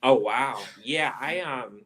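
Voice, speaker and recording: A man's voice: medium pitch, slow, a bit bright, a little hiss or hum, low-quality recording. A man hosting a casual movie chat, talking in a loose, rambling way with plenty of fillers. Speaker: host of a movie review chat.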